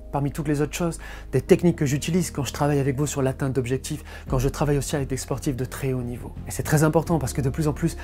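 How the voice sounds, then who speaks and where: A man's voice: on the high side, mellow. A man giving a motivational coaching talk, speaking emphatically and directly to the listener.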